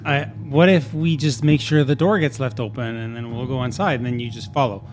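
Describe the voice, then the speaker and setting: A man's voice: medium pitch, steady tone, fairly quick, a little hiss or hum. A man playing a tabletop game on a podcast, chatting casually and improvising in character. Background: music.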